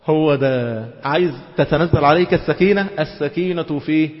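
A man with an Egyptian accent giving an Islamic lecture, switching between classical quotations and quick colloquial asides. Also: fairly high pitch. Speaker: preacher. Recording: dull lo-fi recording in a reverberant hall.

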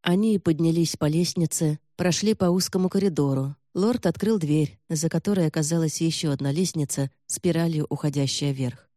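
A man narrating a fantasy audiobook in a steady, even storytelling manner. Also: fairly high pitch, normal speed, hardly any pauses, dry recording, clean studio sound.

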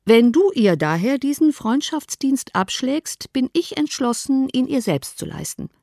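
A woman voicing an ironic, unhurried older father in an audiobook, speaking in a measured, teasing way. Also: high voice, sing-song, darkish tone, no echo, clean studio sound, pitched above the performer's own voice, heavily acted. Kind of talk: audiobook character voice.

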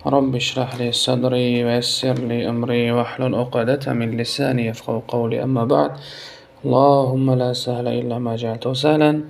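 A man with a Tajik accent teaching an Arabic lesson, reading dialogue lines slowly, repeating them, then translating. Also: mid-range voice, creaky, darkish tone, slight background noise. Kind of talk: recorded audio lesson.

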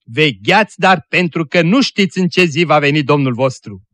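A man's voice: fairly high pitch, expressive, a bit bright, no echo. A man reading the part of a solemn believer who warns urgently of the end, declaiming with rising emphasis.

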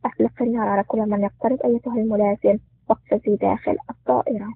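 A man's voice: sits high, flat delivery, very fast, vocal fry, slightly rough, full character voice. A man voicing a bold, sarcastic male intelligence officer in a spoken story, with a curt, mocking manner. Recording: tinny phone-like sound.

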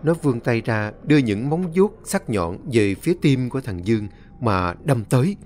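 Man narrating a horror tale, dramatic, varied pitch, mid-range voice. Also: normal speed, a little hiss or hum. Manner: dramatic, expressive reading. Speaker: storyteller. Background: faint music.

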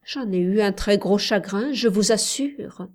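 A woman voicing a gentle, teasing young woman who softly coaxes her suitor in an audiobook. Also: medium pitch, a little slow, natural voice. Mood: tender reproach.

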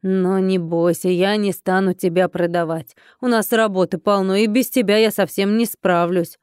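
Woman reader doing a weepy, fussing middle-aged innkeeper, mellow low voice, dry close sound, for a fantasy audiobook. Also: fairly even intonation, normal speed, clean tone, dry recording, natural voice. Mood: reassuring.

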